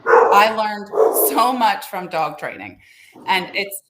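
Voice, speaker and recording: A woman's voice: mid-range voice, very animated, slow, heavy background noise. A woman life coach giving an emphatic, encouraging motivational talk.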